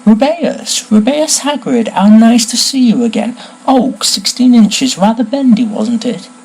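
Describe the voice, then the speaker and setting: A man voicing an intense, eerie old male wandmaker in a storybook reading, with a soft, hushed, lilting voice. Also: a little high, lively intonation, normal speed, breathy edge, poor audio. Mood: genial.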